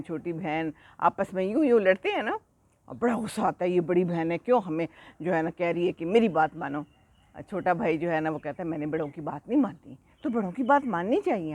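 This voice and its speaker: A woman telling a story to young children, animated and full of questions to her listeners, speaking outdoors under a tree. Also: medium pitch, no echo.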